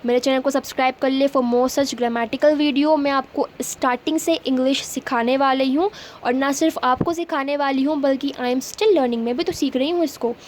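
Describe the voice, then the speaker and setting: High-voiced woman teaching English grammar. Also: fairly even intonation, slight background noise. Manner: explains in Hindi, slowly acts out English example sentences. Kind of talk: grammar lesson.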